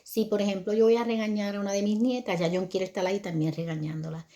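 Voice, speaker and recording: A woman's voice: medium pitch, flat delivery, fast talker, dark tone. An older woman telling viewers a family story about raising her son, in a conversational manner that often checks in with listeners.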